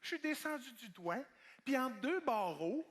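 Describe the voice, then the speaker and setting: A man with a Québécois French accent doing a stand-up comedy routine on a theatre stage, telling a story and acting out voices and shouts. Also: very high-pitched, big pitch swings, a little slow.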